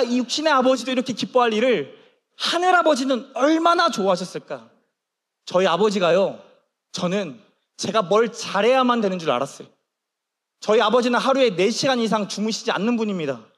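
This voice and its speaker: A male pastor preaching a sermon in a church, telling stories with animated acted-out dialogue. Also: very high voice, brisk. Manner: animated storytelling, acts out quoted dialogue. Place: church sanctuary. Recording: long reverb of a church hall.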